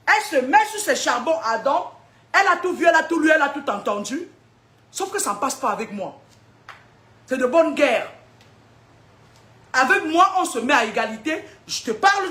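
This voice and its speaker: Woman seer, high voice, combative preaching, rhetorical questions, laughs between points. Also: bright, forceful tone. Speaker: spiritual seer giving prophecies. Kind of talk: preaching spiritual warnings to an audience.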